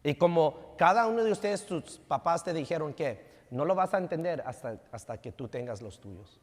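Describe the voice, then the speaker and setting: A man's voice: a little high, animated, moderate pace. A man in his thirties, a pastor preaching a sermon, telling family stories and mixing Spanish with English. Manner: code-switching between Spanish and English, storytelling. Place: church sanctuary. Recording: long church hall reverb.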